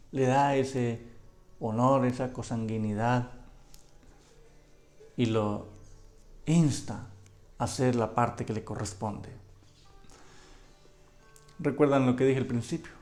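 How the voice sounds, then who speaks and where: A man preaching a sermon, asking his listeners rhetorical questions and dropping to a hush when he quotes scripture. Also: mid-range voice.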